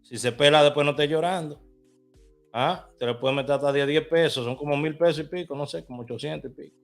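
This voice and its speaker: A man's voice: on the high side, quick pace, vocal fry, soft background music. A man in a casual vlog, chatting to viewers as he walks through placing lottery bets on his phone, from inside a car. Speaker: vlogger. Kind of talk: casual screen walkthrough.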